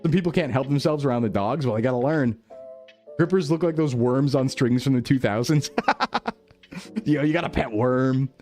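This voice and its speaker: Speaking at a moderate pace in a medium-pitched, slightly mellow voice, a male VTuber jokes casually with his stream audience and laughs often. Faint music sits behind his livestream headset mic audio.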